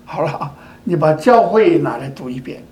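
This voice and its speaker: An older man preaches a sermon in a slightly high, animated, somewhat mellow voice at a moderate pace. He leans on repeated phrases and rhetorical questions, like asking whether his listeners agree, and the room echoes around him.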